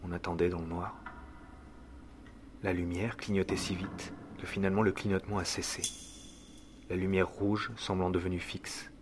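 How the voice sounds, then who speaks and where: A man playing the measured first-person narrator of an audio drama, reading scripted narration. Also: low voice, level tone, background noise, lightly acted. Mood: measured, hushed. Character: grave, measured male first-person storyteller.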